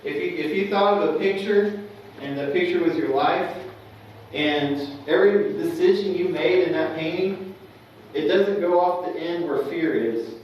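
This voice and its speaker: A man's voice: a little high, measured pace, lo-fi sound. Young guy teaching sunday school, chatty, keeps asking right?, recorded from a ways off with faint hiss. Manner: conversational, asks the class for agreement. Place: church classroom. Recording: echoey room, mic at a distance.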